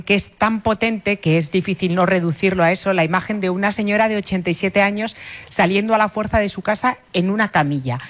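A woman giving spoken commentary as a panellist on a radio talk show. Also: mid-range voice.

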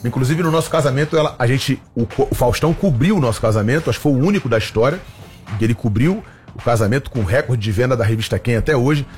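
A male guest on a talk show, relaxed and chatty as he tells stories. He talks quickly at a mid pitch, with faint music underneath. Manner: easygoing, storytelling. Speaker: guest singer. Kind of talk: relaxed interview answers.

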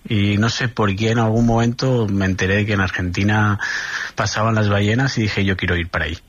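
A man from Barcelona with a lowish voice tells his stories easily, often restarting a thought. The sound is dull and muffled, like a radio broadcast. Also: fairly quick, dry recording. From Barcelona, Spain. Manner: relaxed storytelling with restarts. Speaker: guest, nurse and traveler. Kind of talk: casual radio interview.

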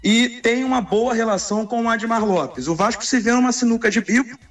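A man phoning in as a sports reporter on speakerphone, giving a measured, informative report with the occasional filler. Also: very high voice, a bit bright. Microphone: phone on speakerphone. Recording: distant speakerphone call.

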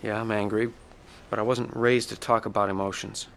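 A man's voice: lowish voice, little pitch movement, normal speed, gravelly, fairly bright tone, clear, resonant tone. An actor playing a troubled war veteran and addict, telling his story in an earnest, reflective, conversational way. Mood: defensive. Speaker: narrator and lead actor. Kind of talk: dramatized first-person testimony narration. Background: music.

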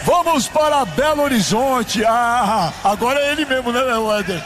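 A man with a Brazilian accent hosting a live sports broadcast from a stadium booth, joking and bursting into shouts. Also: extremely high pitch, background noise. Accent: Brazilian Portuguese. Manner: excitable, joking, rapid swings to shouting.

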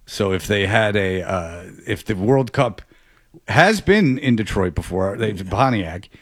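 A man's voice: fairly low pitch, animated, measured pace, no room sound, clean studio sound. Chatty male sports radio host. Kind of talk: casual sports talk.

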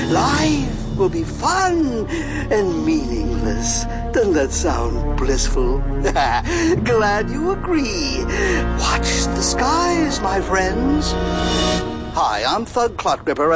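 A man's voice: high voice, full character voice. A man playing a gleeful, grandiose mad scientist and wrestling manager in a theatrical superhero cartoon parody. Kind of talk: superhero cartoon parody audio drama acting.

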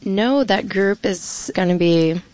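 A woman reporter, appearing as a guest on a radio interview, explains policy in a matter-of-fact, well-informed way, peppering her speech with "you know." Her voice is medium in pitch, slow, and a little mellow.

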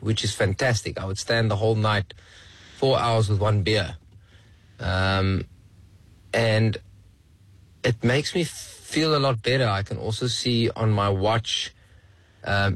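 A slow, low-voiced man in his forties comes through as a recorded voice note played over the air. He pauses often and fills gaps with ums as he tells his own experience. The sound is dry and close. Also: dry recording. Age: 40s. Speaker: listener sending a voice note. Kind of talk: casual personal testimony.

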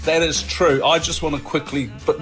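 A man's voice: fairly high pitch, steady tone, normal speed, a bit bright, faint music behind. A man from Manchester, a guest on a radio show, giving market commentary in a conversational way with many fillers and hedges. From Manchester, England.

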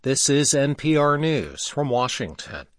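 Male newscaster, mid pitch, steady measured read, dry studio. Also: dry recording. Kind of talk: newscast reading.

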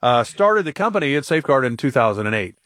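A man hosting a radio talk show, asking his guest upbeat rapid questions and reading out a phone number. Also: medium pitch, sing-song, a bit bright, no echo, clean studio sound.

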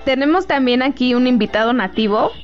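A woman's voice: high voice, animated, a little fast, muffled recording, over music. A woman hosting an interview, friendly and jokey, often chiming in with short affirmations. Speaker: host. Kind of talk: casual interview talk.

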